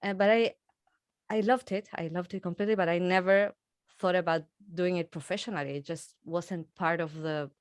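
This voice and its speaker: A woman's voice: fairly low pitch, steady tone, moderate pace, smooth, dry recording, clean studio sound. A woman from Argentina, a musician in her thirties, chatting in an interview and laughing often. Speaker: musician guest. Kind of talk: casual interview conversation.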